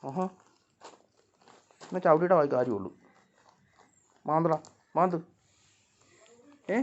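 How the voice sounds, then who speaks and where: A man's voice: on the high side, expressive, brisk, highs cut off. A man, vlogging in casual talk as he coaxes and calls out to his cats outdoors at home. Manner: coaxing, calls out loudly to the cats.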